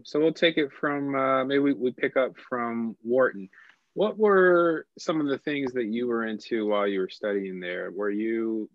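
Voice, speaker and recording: A man's voice: lowish voice, no room sound. Man asking rambling questions, dull audio. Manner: rambling questions, many fillers. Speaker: interview host. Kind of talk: remote interview.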